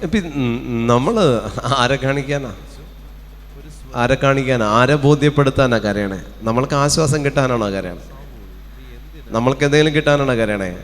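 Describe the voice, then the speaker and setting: A man's voice: mid-range voice, moderate pace, pauses often. A man with a Kerala Malayalam accent preaching a fervent sermon at a retreat, calling out hallelujahs and firing rhetorical questions. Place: retreat centre hall. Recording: long hall reverb.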